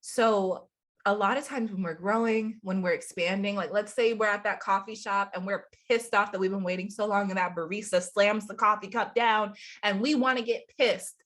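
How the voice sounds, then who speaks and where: With a steady, medium-pitched, fairly bright voice at a moderate pace, a young woman who hosts a channel as a spiritual coach chats casually to camera. Her voice is congested, and she stays upbeat, laughing a lot.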